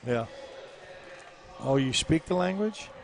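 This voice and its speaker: A man's voice: mid-range voice, lively intonation, takes it slowly, vocal fry. A man co-commentating at a roller derby bout, dropping short, dry joking asides. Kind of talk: casual color commentary.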